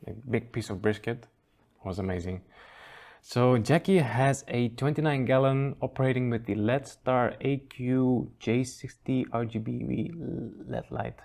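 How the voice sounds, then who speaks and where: The aquascaping channel host here speaks at medium pitch with a darkish tone, vocal fry, fairly even intonation, and a slightly slow pace. His casual review show has an easygoing feel, full of chuckles, trailing sentences, and restarts.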